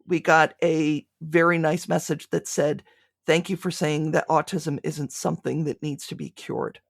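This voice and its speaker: A podcast creator is being interviewed, speaking reflectively and conversationally and often restarting phrases mid-thought. Her voice sits low, steady, a bit slow and creaky, captured in clean studio sound with no echo.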